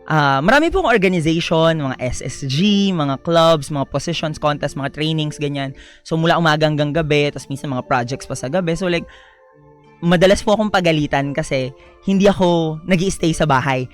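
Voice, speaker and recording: A young man, a guest on a radio talk show, telling his life story in a soft-spoken, polite way, often slipping into English. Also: a little high, expressive, moderate pace, faint music behind. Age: young adult. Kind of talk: personal storytelling interview.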